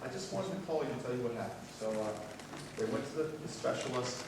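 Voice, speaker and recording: A man's voice: mid-range voice, expressive, quick pace, gravelly, noisy background. An older man preaching a sermon as a pastor, telling stories in a folksy way with light humor. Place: church sanctuary. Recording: very echoey hall recorded from far off.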